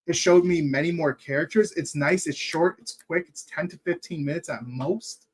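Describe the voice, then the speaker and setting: A man's voice: on the high side, normal speed. A young man streaming a game, chatting casually and thinking aloud as he plays. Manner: rambling, thinks aloud while playing. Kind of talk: casual gaming stream chat.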